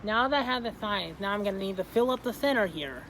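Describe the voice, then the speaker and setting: An eighteen-year-old from Michigan hosting a casual how-to vlog, often halting and correcting themselves mid-sentence. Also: mid-range voice, expressive, a bit bright, slight background noise, low-quality recording. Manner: halting, self-correcting, trailing off. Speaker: plant arrangement seller and video host.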